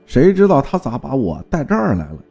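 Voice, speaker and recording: A man narrating a folk ghost story in a lively, vivid storytelling manner. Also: medium pitch, brisk, gravelly, husky, faint music behind.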